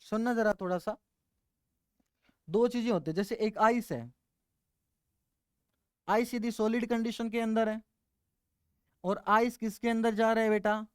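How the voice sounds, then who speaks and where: A male chemistry teacher gives a classroom lecture. He mixes terms into his talk, keeps asking the students questions and answers them himself. His voice is smooth and resonant, recorded close and dry. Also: high-pitched, fairly even intonation, a little slow, pauses often, dry recording.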